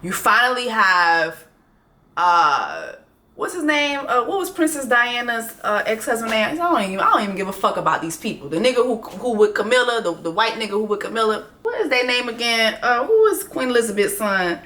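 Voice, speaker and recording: In a slightly high, sing-song voice that sounds bright and pushed, a woman vlogger rattles briskly through a cursing, mocking tirade about a docuseries. Her room gives the audio an echo.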